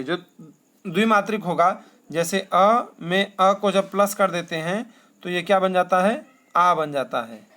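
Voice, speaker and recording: A man. He chants verses slowly and poses questions that he then answers himself. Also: high voice, a bit bright. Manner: asks rhetorical questions and answers them himself. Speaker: Sanskrit teacher. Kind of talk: classroom lesson.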